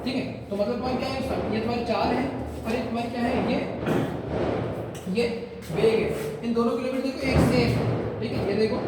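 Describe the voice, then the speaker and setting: Echoey physics teacher explaining step by step. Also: male voice, very high-pitched. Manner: explains step by step, keeps asking students questions. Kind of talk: classroom lecture. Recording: echoey room, far from the mic, faint noise.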